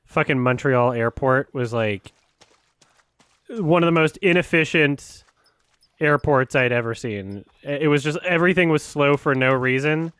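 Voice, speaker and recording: A man giving casual, joking gameplay commentary as a host, excitable and quick to swear. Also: a little high, clear, resonant tone, dry recording. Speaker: gaming show host and player.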